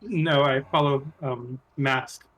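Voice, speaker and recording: A man's voice: mid-range voice, steady tone, takes it slowly, a bit bright, poor audio. Male game player, mid-range voice, casual and hesitant, asking questions.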